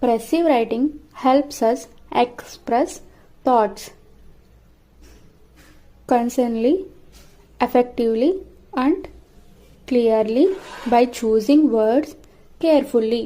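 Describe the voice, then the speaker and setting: A woman teaching an exam-prep lesson. She reads each English definition out slowly, then explains it in her own words. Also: a little high, dark tone.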